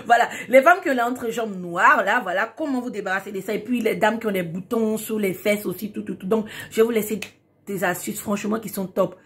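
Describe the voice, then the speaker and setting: A woman's voice: mid-range voice, brisk, fairly bright tone. A woman hosting a casual beauty tutorial, talking emphatically and repeating key words for stress. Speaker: beauty tips host.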